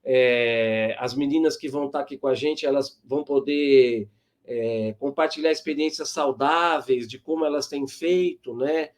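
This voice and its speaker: Hosting and moderating an informal online panel, a man with a Brazilian accent and a mid-range voice explains things in a measured way, with thoughtful pauses.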